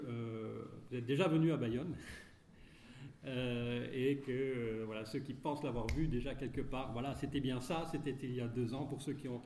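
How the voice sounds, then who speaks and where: A man hosting a public event introduces a guest speaker, often pausing mid-phrase in a hesitant way. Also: mid-range voice, darkish tone. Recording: echoey room, faint noise.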